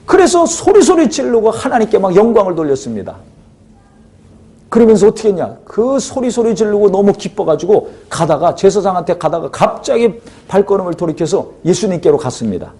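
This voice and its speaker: Male pastor preaching, high voice but mellow tone, lots of questions to the room. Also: very animated, brisk. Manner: rhetorical questions to the congregation. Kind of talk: sermon.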